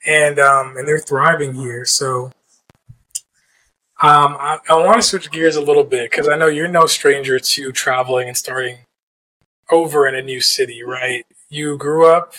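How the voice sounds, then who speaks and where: A man's voice: a little high, fairly even intonation, unhurried, bright, forceful tone, rough recording. A man hosting a podcast interview, encouraging his guest with frequent "yeah" and "mm-hmm". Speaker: podcast host.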